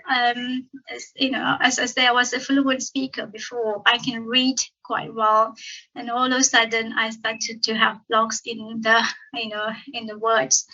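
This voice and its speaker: A Malaysian woman in her fifties, a native Tamil speaker with a Malaysian accent, gives a personal conference talk, phrasing slowly and carefully with frequent ums and stuttering blocks. Her voice is a little high and sharp, and the lo-fi recording sounds dull.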